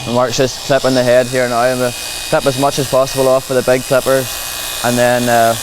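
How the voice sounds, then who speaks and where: Speaking a little quickly in a flat, mid-range voice, this Northern Irish man demonstrates livestock clipping and talks viewers through it. His explanation is plain, practical and reassuring. Buzzing clippers and machinery are clearly heard behind him.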